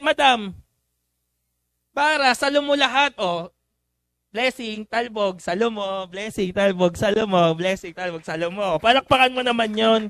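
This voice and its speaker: A man's voice: very high-pitched, sharp tone, clean tone, dry recording. A young man giving a joking motivational talk to a live seminar audience, teasing people with call-and-response questions. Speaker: business seminar speaker.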